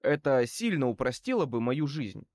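A man reading an audiobook as a male wizard private eye who speaks wryly and with calm menace. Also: mid-range voice, moderate pace, no room sound, studio quality, close to an everyday voice. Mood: wry, cool. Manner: wry, calmly threatening.

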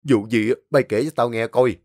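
A man voicing a gruff, bossy older uncle with a Southern Vietnamese accent. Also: mid-range voice, fairly even intonation, a little fast, darkish tone, dry recording, studio quality, lightly acted. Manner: blunt, bossy.

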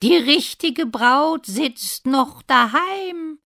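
A woman doing high chanting fairy-tale doves. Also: lively intonation, exaggerated voice. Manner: high sing-song chant, slow and loud. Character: pair of cooing doves, chanting warnings.

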